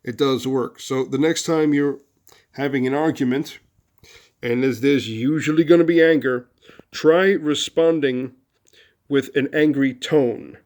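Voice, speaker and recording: A man talks through casual relationship advice in a mid-pitched voice, rambling with fillers and restarts. When he acts out angry lines, his voice jumps loud and high. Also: a little slow. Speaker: host of a relationship advice video series. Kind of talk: casual advice monologue with storytelling.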